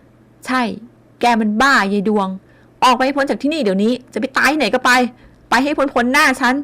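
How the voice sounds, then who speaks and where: A woman's voice: mid-range voice, quick pace, darkish tone, close to an everyday voice. A woman voicing a stern older father who is weary and scolds his daughter. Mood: scolding. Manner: gruff, scolding.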